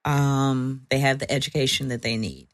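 A woman talking casually on a panel as a parent, halting as she thinks aloud and acting out quotes. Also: extremely low pitch, fairly even intonation.

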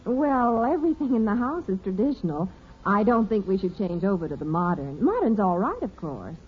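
A woman playing a gentle, fussy housewife. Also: medium pitch, very animated, brisk, natural voice. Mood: fretting. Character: gentle, fussy middle-aged housewife and mother. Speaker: mother of the family. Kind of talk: 1950s radio sitcom acting. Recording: tinny old radio transcription with faint hiss.

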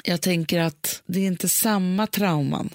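A woman's voice: fairly low pitch, no room sound, studio quality. A mother in a casual conversation, reasoning things through aloud with lots of fillers and restarts. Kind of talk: casual chat.

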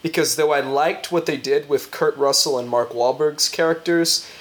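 A man co-hosting a podcast who gives frank, measured opinions in a casual discussion. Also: fairly high pitch, fairly even intonation. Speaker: podcast co-host.

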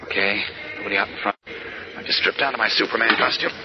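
An actor playing a resolute hero reporter who talks briskly and commandingly, on an old radio broadcast. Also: male voice, fairly low pitch, muffled recording, over music, natural voice.

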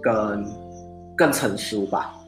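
A man with a Malaysian Mandarin accent, a graphic designer guest on a podcast, talking in a soft-spoken, hesitant way with many fillers. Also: on the low side, slow. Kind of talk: casual podcast interview. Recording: roomy echo with background music.

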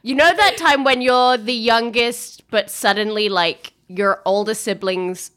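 A woman's voice: on the high side, unhurried, fairly bright tone. A woman who is a guest on a tabletop game podcast, chatting and rambling in a friendly way over a video call. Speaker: guest player. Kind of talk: casual chat among friends.

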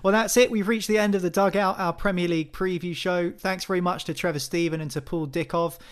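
A man's voice: high-pitched, fairly even intonation, a little fast, clear, resonant tone. A man hosting a football podcast in a conversational presenting style. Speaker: podcast host.

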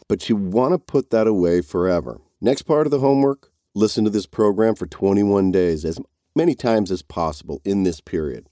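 A man giving an encouraging, measured motivational self-help talk straight to the listener. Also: low voice, warm tone, dry recording, clean studio sound. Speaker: self-help program host.

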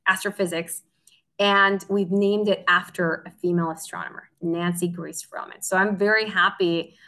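A woman's voice: on the low side, steady tone, moderate pace, bright, forceful tone. A woman, a guest telling her story in an earnest, heartfelt way in a casual interview. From Mexico. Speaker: guest, optical engineer.

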